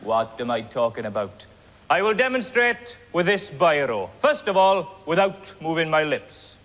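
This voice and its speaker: A Welsh man doing a deliberately inept ventriloquist comedy act, with mock-earnest patter. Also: a little high, very animated, a bit bright. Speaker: comic ventriloquist. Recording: echoey hall with background noise.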